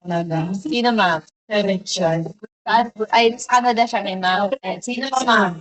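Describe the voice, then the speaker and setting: A woman's voice: mid-range voice, moderate pace, rough recording. A woman hosting a surprise gift delivery who talks very politely, putting "ma'am" at the end of nearly every phrase.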